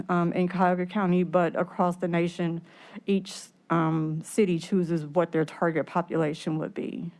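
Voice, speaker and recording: A woman speaking through a face mask, a little short of breath, giving halting explanations at a public meeting. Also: fairly low pitch, darkish tone. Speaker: program staff presenter at a committee meeting.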